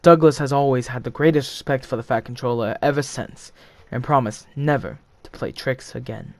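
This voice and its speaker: A man narrating a children's storybook at an everyday middle pitch, plain and casual between the reading. The recording is dry and close with no room sound. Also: moderate pace, no room sound.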